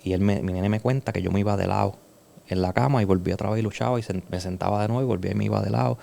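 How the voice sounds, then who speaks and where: A Puerto Rican man giving an earnest, emotional personal testimony as a guest in a conversation, dropping soft and slow at heavy moments. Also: on the low side, gravelly. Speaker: podcast guest.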